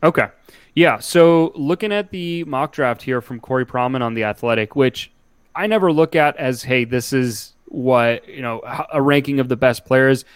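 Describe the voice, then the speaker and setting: A man's voice: mid-range voice, moderate pace, smooth, no echo. A man co-hosting a casual sports podcast, talking through his analysis with frequent restarts. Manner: analytical, thinks aloud with restarts. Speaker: podcast co-host.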